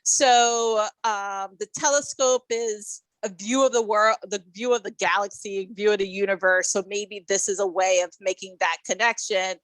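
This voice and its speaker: A woman co-hosting a podcast, reviewing an episode in casual chat, thoughtful and halting with many ums and restarts. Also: mid-range voice, steady tone, fairly bright tone, dry recording. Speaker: podcast co-host.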